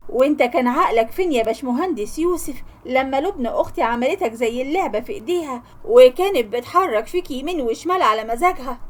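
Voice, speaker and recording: A woman with an Egyptian accent narrating a first-person story in a firm, measured way. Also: sits high, animated.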